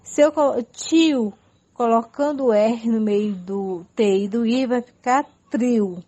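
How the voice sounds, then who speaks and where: A woman's voice: a little high, slow pace, warm tone. A woman teacher giving a radio lesson for adult learners, patiently spelling out letters and listing example words. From Amazonas, Brazil.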